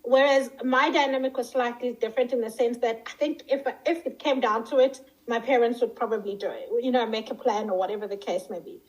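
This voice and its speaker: A woman's voice: fairly high pitch, fairly even intonation, a little fast, few pauses, poor audio. A woman, a podcast guest, explaining her view in a reflective, conversational way.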